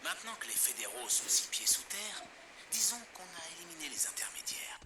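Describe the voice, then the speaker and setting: A man's voice: on the high side, sing-song, fairly quick, whispered. A man voicing a self-righteous, resentful survivalist who preaches his grievances on pirate radio in a video game. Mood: righteous resentment. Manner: preachy, grievance-laden broadcasting. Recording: clear background noise over game ambience.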